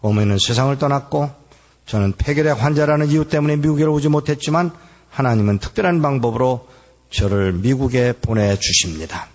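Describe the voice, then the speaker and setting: Man in his 60s, pastor, sermon testimony, dramatic storyteller, middle-pitched voice, long hall echo. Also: brisk, a little mellow. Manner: dramatic storytelling, acting out remembered dialogue. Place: large hall at a church gathering. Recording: echoey hall with long reverb.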